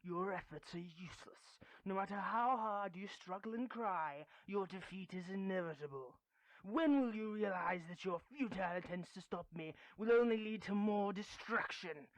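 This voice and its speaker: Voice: mid-range voice, normal speed, no echo, natural voice, rough recording. Someone doing a cartoony mustache twirling villain monologue, pompous n gloating, audio roleplay, really dry sound. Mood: menacing gloating. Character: theatrical supervillain delivering a grandiose, gloating monologue. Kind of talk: scripted audio role-play monologue.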